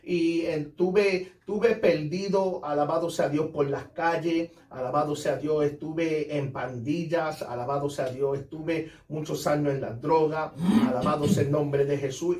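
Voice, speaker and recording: A man's voice: a little high, steady tone, a little slow, few pauses, darkish tone. A man, a pastor, giving a fervent testimony on a radio program and repeating praise phrases after nearly every sentence. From United States. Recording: roomy sound, distant mic.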